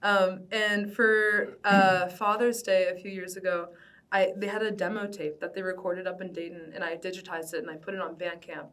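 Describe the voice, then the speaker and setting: In a relaxed oral-history interview, a young American vocalist from Cincinnati talks informally, with "like" peppering her speech. Her fairly low voice is flat in delivery, fairly bright and moderately paced, picked up by a distant mic.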